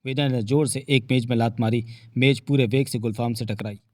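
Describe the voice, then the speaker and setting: A man's voice: mid-range voice, fairly even intonation, a little fast, no room sound, studio quality. A man narrating a novel aloud with vivid, dramatic storytelling. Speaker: audiobook narrator.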